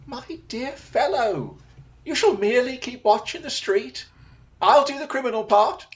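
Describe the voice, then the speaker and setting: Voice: mid-range voice, animated, measured pace, muffled recording, natural voice. A performer in an audio drama playing Sherlock Holmes as a keen, assured male detective with formal, precise, theatrical delivery. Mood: confident, explanatory.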